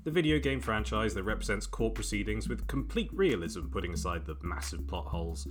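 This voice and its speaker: A man's voice: on the low side, animated, brisk, over music. A man hosting a comedy podcast, with a dry, joking delivery. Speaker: podcast host. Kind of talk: casual podcast chat.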